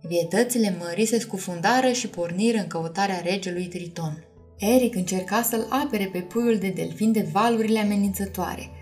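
A woman's voice: medium pitch, a little mellow. Woman reading a children's storybook. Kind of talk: storybook read-aloud. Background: faint music.

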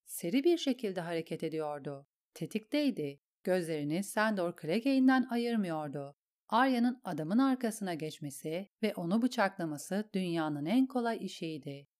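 A woman narrating an audiobook in a steady, measured storytelling voice. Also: lowish voice. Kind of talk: audiobook reading.

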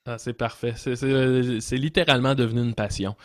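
A man's voice: medium pitch, fairly even intonation, a little fast, no echo, clean studio sound. A man with a Quebec accent chatting casually and presenting clips as a show co-host, amused and hesitant. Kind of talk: casual chat.

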